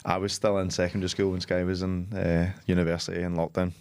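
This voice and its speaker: A man's voice: sits low, little pitch movement, fast talker, darkish tone, a little hiss or hum. A man in his twenties co-hosting a podcast, joking and rambling with lots of "like" and "you know what I mean". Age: 20s. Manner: jokey, rambling with many likes and you-know-what-I-means. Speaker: podcast co-host, coach. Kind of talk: casual chat.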